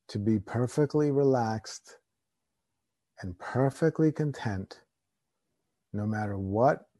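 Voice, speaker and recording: A man guiding a meditation in a slow, calm, soothing way, with long pauses between phrases. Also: fairly low pitch, no room sound. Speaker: meditation teacher. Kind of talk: guided meditation.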